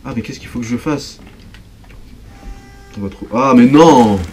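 A young man commenting on a horror game as he plays, jumpy and excitable, talking straight to his viewers. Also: mid-range voice, unhurried, faint music behind. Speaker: gaming video creator. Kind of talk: let's play commentary.

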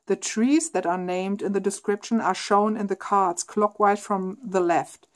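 A woman's voice: mid-range voice, steady tone, unhurried. Female host chatting through an unboxing, reads guidebook passages aloud, eager and effusive. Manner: enthusiastic, gushing over artwork. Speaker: tarot deck reviewer. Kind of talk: casual unboxing chat, reading aloud.

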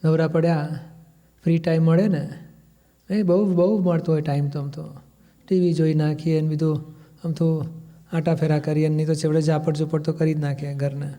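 Gujarati guy giving a spiritual talk, kinda high but mellow voice, chatty, acts out family squabbles. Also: level tone, normal speed, pauses often. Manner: conversational, acts out family quarrels in quoted voices. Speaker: spiritual teacher. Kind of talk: spiritual discourse.

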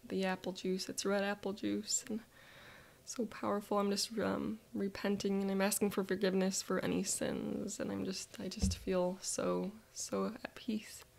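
Woman narrator, guided visualization, flat, fry-heavy delivery, slips into whispers. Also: medium pitch, normal speed. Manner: soft, reflective, drifting into whispers.

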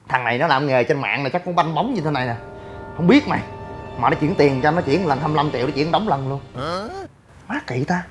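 A young man, talking bluntly and brashly in a rambling livestream monologue. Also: on the high side. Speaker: gym owner and online personality.

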